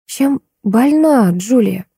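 A woman voicing a timid, kind-hearted young woman who speaks softly. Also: medium pitch, moderate pace, slightly rough, no room sound, studio quality, close to an everyday voice. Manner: timid, soft-spoken.

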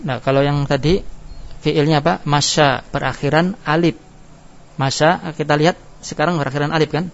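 A male teacher with a fairly high, steady voice and moderate pace walks his class through a grammar lesson step by step, posing questions and then answering them himself. The classroom recording is dull and lo-fi.

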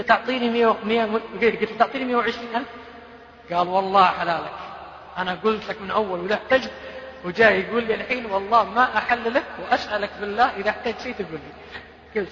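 A man's voice: high voice, a bit bright, a little hiss or hum. A man, preaching a sermon and retelling stories emotionally, quoting people as he goes. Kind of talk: sermon storytelling. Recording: echoey hall, dull lo-fi sound.

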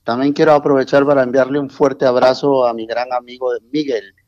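A man's voice: medium pitch, flat delivery, fairly quick, darkish tone, dry recording, dull audio. A middle-aged man from Mexico, a festival organizer, chatting in an interview, joking and effusive with frequent tag questions. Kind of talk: casual interview chat.

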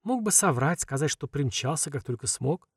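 A man voicing a tender, teasing young woman in an audiobook, speaking softly and quietly. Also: on the high side, lively intonation, moderate pace, slightly rough, dry recording, studio quality, recorded from a distance.

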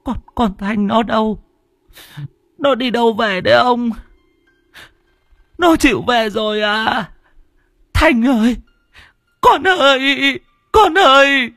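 A man's voice: animated, slow, creaky, pauses often, fairly bright tone, no room sound, studio quality, faint music behind, exaggerated voice. A man voicing a dazed old mother who wails and asks confused questions about her children. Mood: wailing. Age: older. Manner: high wailing, confused questions.

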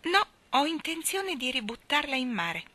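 A woman doing a crisp, stern nanny. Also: sits high, sing-song, normal speed, bright, forceful tone, pitched above the performer's own voice, heavily acted. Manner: crisp, firm and clipped. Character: stern, prim nanny, a brisk no-nonsense woman.

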